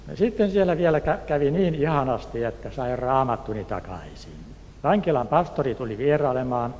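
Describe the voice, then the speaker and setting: A man from Turku, Finland, telling a personal testimony in an earnest, unhurried way and acting out the voices of the people in his story. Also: medium pitch, lively intonation, a little mellow. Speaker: speaker giving a personal testimony. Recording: echoey hall, faint background noise.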